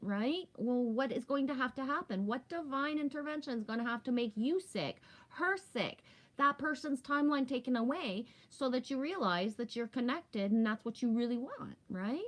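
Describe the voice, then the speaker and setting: Her voice sits high here, with lively intonation and a moderate pace, as the fifty-something host carries on a casual spiritual livestream. Rambling, candid and emphatic, she keeps tagging her remarks with a quick question to check in.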